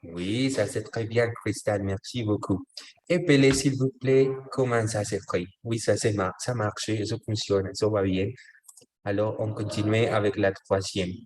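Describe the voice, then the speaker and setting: A man with a lowish voice leads an online language class over a video call. He speaks patiently, drops short French phrases into his explanations and keeps asking whether everyone is following. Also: fairly even intonation, measured pace, darkish tone. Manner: patient, often checks understanding with tag questions. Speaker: French teacher.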